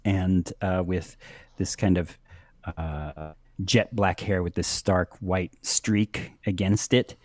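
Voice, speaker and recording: A man narrating a tabletop game as game master, halting with many restarts and frequent laughter. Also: low voice, fairly even intonation, darkish tone, no echo.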